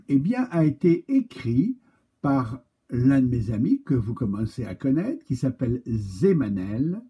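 A man reading a picture-book tale aloud to children, animated and speaking directly to his young listeners. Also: medium pitch, breathy edge. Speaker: storyteller for children.

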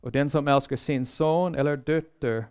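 A man delivers a sermon-style Bible lecture in a measured, earnest way, with frequent pauses and restarted phrases. His voice sits in an ordinary middle register and sounds smooth and resonant. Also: mid-range voice, darkish tone. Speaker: Bible seminar speaker.

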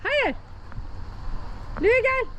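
A woman hosting a family vlog outdoors by a pool, coaxing and calling to her dog in a lively way. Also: extremely high pitch, extremely slow. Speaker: mother and vlog host. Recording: noisy outdoor recording.

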